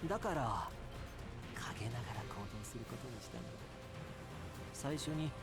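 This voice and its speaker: An actor playing a calm, menacing young male traitor in a Japanese game, quietly confessing his crimes. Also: mid-range voice, measured pace. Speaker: game character voice. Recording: game audio under loud music. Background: loud game soundtrack music.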